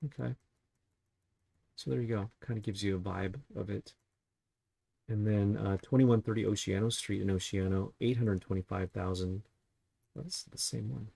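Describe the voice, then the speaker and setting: A real estate agent, a man with a deeply gravelly voice, chats his way through property listings. His tone is husky and fairly low, and he keeps posing rhetorical questions. The sound is dry and close, with no room around it. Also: fairly even intonation, moderate pace, pauses often, dark tone, no echo. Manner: chatty, asks rhetorical questions. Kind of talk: casual market review while browsing listings.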